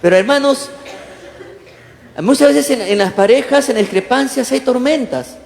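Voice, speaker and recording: A man preaching a lively sermon as pastor, often asking the congregation questions and acting out the quotes he tells. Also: extremely high pitch, normal speed, vocal fry. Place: church hall. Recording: echoey church hall, long reverb.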